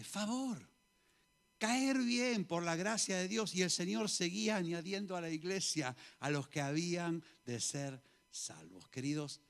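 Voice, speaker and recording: A man preaches as pastor in a church. His voice sits a little high, and he leads the congregation in prayer with fervent, repeated calls that swing between hushed and loud. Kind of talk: sermon leading prayer. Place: church hall.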